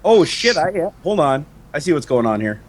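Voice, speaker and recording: A man co-hosting a casual tech show, talking in a loose, joking way with casual swearing, his mic clipping and distorting from the gain being set too high. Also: sing-song, a little fast. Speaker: co-host. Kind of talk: casual tech podcast chat.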